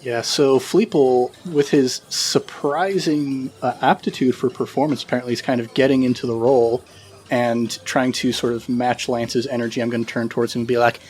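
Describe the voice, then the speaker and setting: A man chats casually as a player in a tabletop game. His pitch is average and stays very even as he describes what his character does. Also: normal speed.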